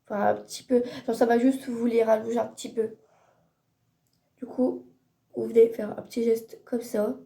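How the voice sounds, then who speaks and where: A teenage girl talks through her makeup routine in a relaxed, rambling way, full of fillers and restarts. Her voice sits a little high but sounds mellow and soft. The room around her is echoey. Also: moderate pace, vocal fry, long pauses. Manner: chatty, hesitant, many fillers and self-corrections. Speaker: beauty vlogger. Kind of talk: casual makeup tutorial.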